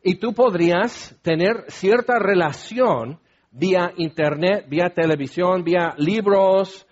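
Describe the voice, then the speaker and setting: A man's voice: high-pitched, slow pace. A male pastor, preaching a sermon in a conversational, explanatory way with asides to the congregation. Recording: dull, lo-fi sound.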